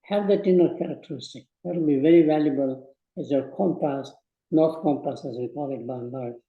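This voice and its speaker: A man's voice: on the high side, fairly quick, phone-quality sound. Man in his eighties in an echoey hall. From Burma. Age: 80s. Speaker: guest speaker. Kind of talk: speech to students.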